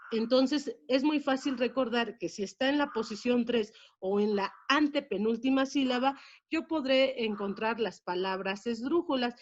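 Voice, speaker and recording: A woman teacher giving a spoken grammar lesson in a measured, explanatory way, stressing key words. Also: on the high side. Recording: dull lo-fi sound.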